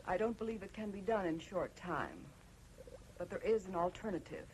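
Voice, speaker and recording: An actress playing a cold, confident mad scientist in an old horror film, speaking in a clinical, imperious, deliberate way. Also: female voice, lowish voice, expressive, darkish tone, slight background noise, lightly acted, rough recording. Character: cold, confident female mad scientist breeding obedient slaves.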